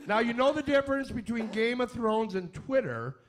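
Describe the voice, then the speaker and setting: A man hosting a quiz on a comedy radio variety show reads out questions irreverently, tossing in wisecracking asides. His very high-pitched voice is animated, at normal speed.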